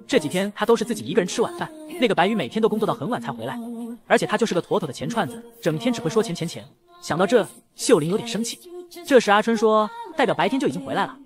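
Rapid lively male story narrator. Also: high-pitched. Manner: rapid, lively, voices both lovers in dialogue. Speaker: comic recap narrator. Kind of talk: fast scripted story narration with acted dialogue.

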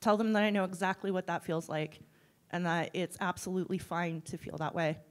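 A middle-aged woman answers audience questions after a keynote. She talks in a blunt, wry, animated way. She speaks into a handheld microphone on stage in a large hall. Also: fairly low pitch, fairly quick. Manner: blunt, wry, animated, gestures while talking. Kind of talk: keynote Q&A, candid and conversational.

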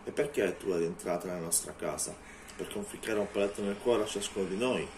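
A man voicing a cold, contemptuous male vampire in a low, threatening tone. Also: fast, a little mellow, slight background noise. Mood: scornful.

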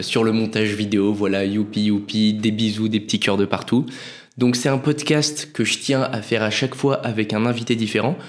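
Chatty young man hosting a podcast. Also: mid-range voice. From France. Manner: chatty, loose and self-mocking, with slang. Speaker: podcast host and freelance video editor. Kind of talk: solo casual podcast intro.

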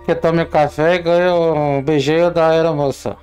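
A man's voice: on the high side, steady tone, normal speed, darkish tone, clean tone, soft background music, lightly acted. A man playing a male airline captain making a mock-formal cabin announcement, as a game streamer.

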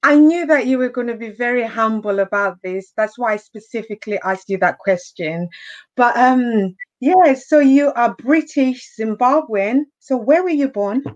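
A woman's voice: fairly high pitch, expressive, moderate pace, a little mellow, lo-fi sound. A young woman hosting an online interview over a video call, asking questions and encouraging the guest. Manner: encouraging, frequent backchannel. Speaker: host. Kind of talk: interview host. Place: indoor room, video call. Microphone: video call webcam.

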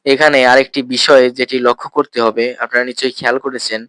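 Patient male language teacher, smooth dry voice. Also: mid-range voice, steady tone, bright, forceful tone, no echo. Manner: patient, repeats terms slowly and asks rhetorical questions. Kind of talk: explanatory language lesson.

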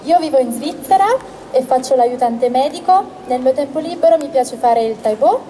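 High mellow-voiced woman in her twenties. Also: animated, a little fast, slight background noise. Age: 20s. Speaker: pageant contestant. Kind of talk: short self-introduction.

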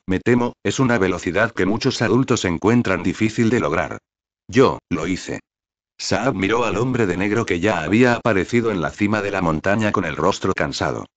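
A man reading a novel recap as scripted narration, in an even, flat manner. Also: low voice, no echo.

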